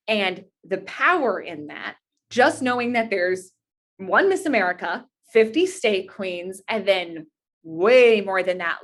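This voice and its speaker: This pageant titleholder in her twenties has a medium-pitched, slightly bright voice. As an interview guest, she talks at length with real earnestness, sharing anecdotes in a relaxed, conversational manner.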